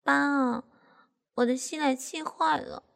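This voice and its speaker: A woman's voice: high voice, steady tone, slow pace, gravelly, a bit bright, in a large hall, pitched above the performer's own voice, heavily acted. A woman voicing a coy young mother pleading with her father in a coaxing whine.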